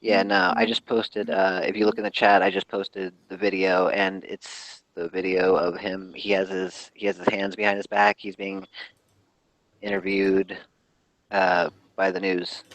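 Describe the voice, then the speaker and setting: A man's voice: sits low, little pitch movement, a little slow, fairly bright tone, no echo, poor audio. A man in casual voice-call chat, hesitant and full of fillers. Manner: hesitant, filler-heavy, restarts.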